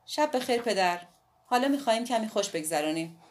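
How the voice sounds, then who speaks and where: A woman voicing a playful, bold young woman in an audiobook, her delivery bright and teasing. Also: on the high side, lively intonation, voice pushed up, natural voice. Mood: tender, teasing. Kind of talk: audiobook dialogue reading.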